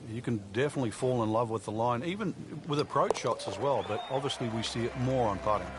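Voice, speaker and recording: A man's voice: medium pitch, fast, lightly acted. A man playing a golf analyst in a video game, giving conversational, explanatory colour commentary. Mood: conversational analysis. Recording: faint outdoor background noise. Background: faint outdoor ambience.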